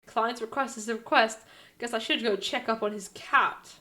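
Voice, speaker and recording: A woman streaming a game live, chatting and reading the dialogue aloud in an animated way. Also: a little high, normal speed.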